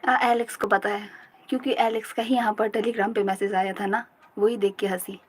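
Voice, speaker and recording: A young Indian woman studies on a live stream, repeating her notes aloud in slow drills, then chatting fast with viewers in mixed Hindi and English. Her medium-pitched voice shows little pitch movement. The recording is low quality with slight background noise.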